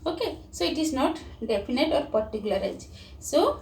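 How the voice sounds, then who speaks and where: A woman with an Indian English accent teaches grammar at an unhurried pace, her high voice rising and falling a lot. She spells words out letter by letter. The mic sits away from her in an echoey room with a faint hum behind. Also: very animated, gravelly, a little mellow. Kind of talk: grammar lesson for children. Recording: roomy, distant mic, faint background hum.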